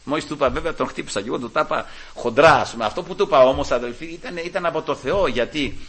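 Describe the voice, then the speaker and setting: A man preaching a sermon, fervently addressing the congregation as brothers and telling personal stories, moving between quiet asides and loud, emphatic peaks. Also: on the high side, breathy edge. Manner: fervent, keeps calling out to his brothers. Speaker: Pentecostal preacher.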